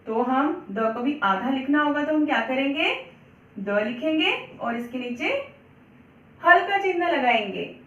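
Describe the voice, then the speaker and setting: Female primary teacher, high voice, slow and patient, repeats words for kids, dull echoey recording from a distance. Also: a bit bright. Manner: patient, repeats words slowly, asks and answers own questions. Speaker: primary school Hindi teacher. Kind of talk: children's online lesson.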